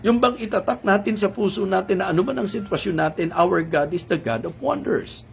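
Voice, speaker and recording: A man's voice: high voice, creaky, a little hiss or hum. A man preaching a sermon with a Filipino accent, speaking earnestly and mixing Tagalog with English. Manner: reads scripture slowly and emphatically. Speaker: bishop preacher.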